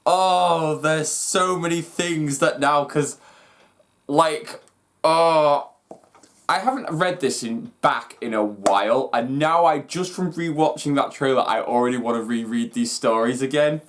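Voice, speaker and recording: A man who hosts a fan reaction channel reacts excitedly to a trailer and casually breaks it down. His voice is on the high side and unhurried, and his delivery is enthusiastic and emphatic.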